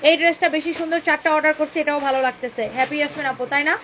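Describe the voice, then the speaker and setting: A woman hosts a live clothing sale in a high, rapid voice. She pushes each item with a chatty, repetitive pitch and mixes English phrases into her talk. A faint hum of the room sits under her voice. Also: steady tone, a bit bright, rough recording. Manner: bantering with viewers' comments. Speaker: boutique owner hosting a live sale. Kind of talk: live-stream sales pitch.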